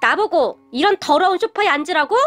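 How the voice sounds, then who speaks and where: A woman's voice: extremely high pitch, lively intonation, fairly quick, fairly bright tone, faint music behind. A woman voicing a haughty, wealthy middle-aged mother who sneers and scolds. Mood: scornful.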